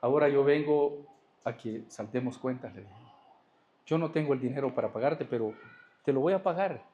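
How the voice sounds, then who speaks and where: A man's voice: medium pitch, moderate pace, warm tone, lo-fi sound. A man giving a church testimony, telling his story and acting out both sides of a conversation. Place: church hall. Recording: echoey church hall.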